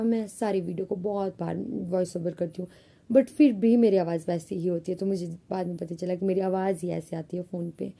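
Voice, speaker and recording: Husky-voiced young woman vlogging. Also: fairly low pitch, dark tone. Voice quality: husky, slightly rough voice. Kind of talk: casual vlog chat.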